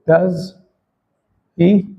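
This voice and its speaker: An Indian man teaching a spoken English class in Hindi, slowly drilling tongue twisters and encouraging his students like a caring teacher. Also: sits high, little pitch movement, muffled recording. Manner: addresses students as "beta", encouraging.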